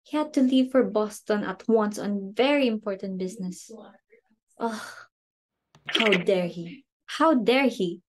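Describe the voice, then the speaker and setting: In an amateur play reading, a woman plays an imperious, short-tempered society hostess and mother who is obsessed with status, delivering her lines with indignant theatricality. She sounds furious and scolding, though her medium-pitched, natural voice stays unhurried.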